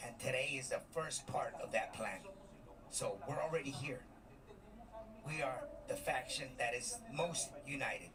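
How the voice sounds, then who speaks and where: A man's voice: medium pitch, measured pace, close to an everyday voice. A man playing a scheming, confrontational character in a pro wrestling backstage promo. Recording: distant TV playback, loud crowd noise.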